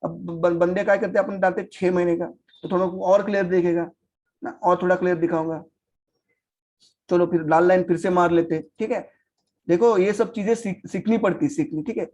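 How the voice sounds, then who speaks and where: A man's voice: high-pitched, steady tone, a little fast, a little mellow. A man giving a casual stock market lesson, bluntly scolding the chart as he walks through it. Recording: slightly dull lo-fi recording.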